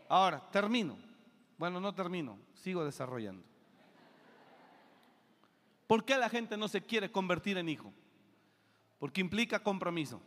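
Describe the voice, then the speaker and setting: A man preaching a sermon, emphatic, swinging from loud bursts to low asides. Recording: long reverb of a church hall.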